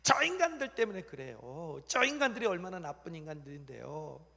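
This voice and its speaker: A man's voice: fairly high pitch, sing-song, very fast, vocal fry, mellow. A man voicing a sulky, self-centred male prophet who grumbles, in a reverberant church hall.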